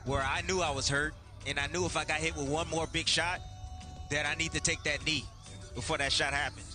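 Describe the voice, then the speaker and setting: Somewhat high-voiced male boxing analyst. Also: fairly even intonation, a little fast, over music. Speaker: boxing analyst and former fighter. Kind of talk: conversational live boxing analysis.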